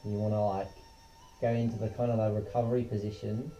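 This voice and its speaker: A man's voice: on the low side, flat delivery, fairly quick, warm tone, soft background music. A man leading a casual guided yoga lesson in a laid-back, slangy, unpolished way, as the instructor. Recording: muffled, dull lo-fi sound.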